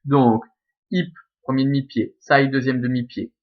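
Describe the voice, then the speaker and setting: A male Latin teacher talks through verse scansion in a recorded lesson. His voice sits at an average pitch and he keeps checking that his class follows. The sound is dull and lo-fi. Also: fairly even intonation, unhurried. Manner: explanatory, checks understanding with frequent "ok?" and "d'accord?".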